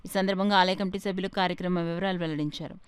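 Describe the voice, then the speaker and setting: A woman reads a local news bulletin at a brisk clip. Her voice is smooth and crisp, a little low, and the recording is dry and close. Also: dry recording. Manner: fast, even news-reading delivery. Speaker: news reader. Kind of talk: scripted news narration.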